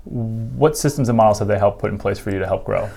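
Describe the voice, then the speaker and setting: A man's voice: lowish voice, fast talker, creaky, dark tone. A man hosting an interview show, asking questions and giving short encouraging replies. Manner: brief prompts and encouraging fillers. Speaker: interview host.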